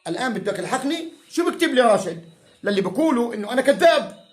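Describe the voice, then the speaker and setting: A man's voice: very high voice, big pitch swings, fast talker, echoey room. A man with a Palestinian Arabic accent delivers an angry, heated, profane rant to camera, mocking and insulting those he argues against. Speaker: self-styled political commentator.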